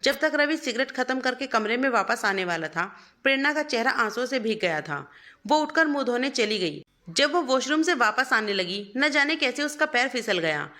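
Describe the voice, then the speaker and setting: A woman narrating an emotional story in an earnest, steady storybook style. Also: a little high, normal speed.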